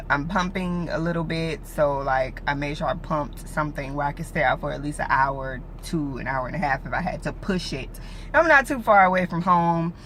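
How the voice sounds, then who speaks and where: Low-voiced young mom chatting casually. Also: female voice, fairly bright tone, slight background noise. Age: late 20s. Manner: rambling, with many "like"s and "you know"s. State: three weeks postpartum. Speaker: vlogger. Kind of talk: casual vlog chat.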